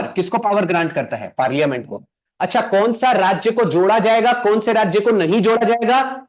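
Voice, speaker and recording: A young man teaching an exam coaching lesson, asking the class questions and answering them himself, slowing down to spell out English terms. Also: very high-pitched. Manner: quizzing students with rhetorical questions, answering himself.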